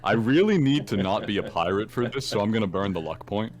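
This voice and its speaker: A man's voice: lowish voice, animated, a little fast, a little mellow. A man playing a tabletop game, talking in a playful, mischievous way. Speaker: player.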